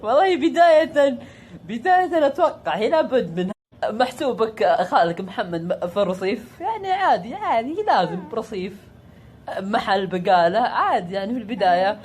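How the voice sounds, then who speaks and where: A man's voice: high voice, big pitch swings, a little fast, husky. A Saudi man vlogging casually, chatty and joking with his viewers as he talks from a car by the coast. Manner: chatty, jokey, calls viewers "guys". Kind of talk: casual vlog chat to viewers. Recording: vehicle noise behind.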